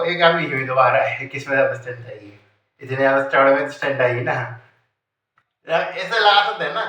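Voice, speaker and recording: Guy teaching medicine casually, high bright voice, far off in a roomy echoey space. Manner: explains with everyday analogies, asks rhetorical questions. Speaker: medical lecturer. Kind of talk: informal Hindi lecture. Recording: echoey room, voice far from mic.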